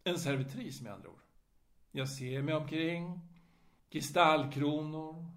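A man narrating a story in a dramatic, lively way. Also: fairly high pitch. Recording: roomy echo.

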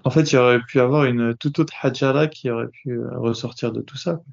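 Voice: mid-range voice, fairly even intonation, brisk, vocal fry, dull audio. A podcast host interviewing a guest casually, asking probing follow-up questions.

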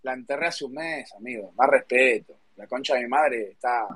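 Host, Rioplatense man, husky, close and dry, sarcastic and mock-offended. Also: medium pitch, normal speed, fairly bright tone, no room sound. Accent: Rioplatense Spanish. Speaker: host of a live audio space. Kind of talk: heated casual chat.

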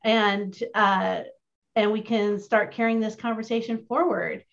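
Over a video call with muffled, lo-fi audio, a woman hosts a casual online training chat. Her medium-pitched voice is steady, a little slow and shows vocal fry, and she stays upbeat and chatty, often asking her audience questions.

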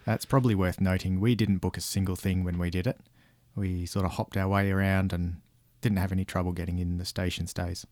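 A man's voice: low-pitched, level tone, a little fast, few pauses, a little mellow, no room sound. A man with a broad Australian accent chatting casually and colloquially, giving laid-back travel advice. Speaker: guest recounting an outback road trip.

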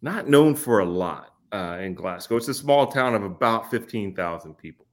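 A man in his forties from Kentucky, a podcast guest telling stories in an unhurried way with frequent ums and restarts. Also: on the low side, lively intonation. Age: 40s. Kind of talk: casual podcast interview.

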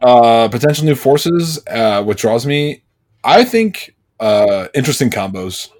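A man's voice: mid-range voice, very animated, measured pace, a little mellow. A man co-hosting a podcast in casual chat, laid-back and slangy, with some swearing as he answers listener questions. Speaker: podcast co-host.

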